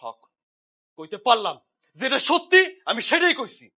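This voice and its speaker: A man's voice: very high-pitched, very animated, moderate pace, heavily acted. An actor playing an angry suspicious husband who berates his wife harshly. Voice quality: harsh, shouting.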